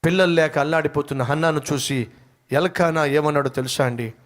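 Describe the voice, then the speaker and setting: A man's voice: fairly high pitch, brisk. A middle-aged male pastor preaching a sermon, asking the congregation questions and acting out short dialogues. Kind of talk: Telugu sermon.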